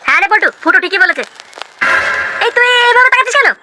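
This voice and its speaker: A man's voice: very high voice, animated, racing, over music, a crowd in the background. A man voicing the characters in a crude comic cartoon, slangy and swearing constantly. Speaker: cartoon narrator and voice of several characters.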